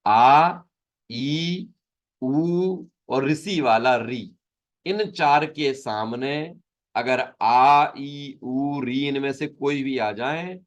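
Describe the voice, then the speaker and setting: A man teaching an online class on Sanskrit sutras, patiently explaining and repeating each term. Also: mid-range voice. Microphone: video call.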